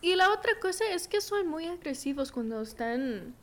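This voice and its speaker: A woman co-hosting a casual podcast, talking hesitantly with many ums and pauses. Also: sits high, lively intonation. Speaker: podcast co-host. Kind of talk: casual chat.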